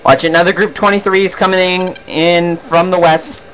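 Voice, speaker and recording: A man's voice: high voice, little pitch movement, moderate pace, a bit bright, a little hiss or hum, low-quality recording. A man talking like a hotshot pilot, giving clipped military brevity calls as element leader in a flight sim game. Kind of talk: military radio brevity calls during gameplay. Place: online voice chat over a flight simulator.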